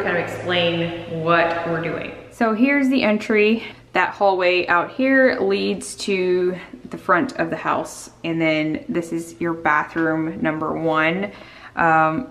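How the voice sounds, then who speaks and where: A woman chatting informally as she gives a walk-through tour vlog, her voice echoing in empty rooms. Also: lowish voice. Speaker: home renovation vlogger and designer. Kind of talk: casual house tour vlog. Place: indoors in an empty condo, big echo. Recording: echoey empty condo rooms.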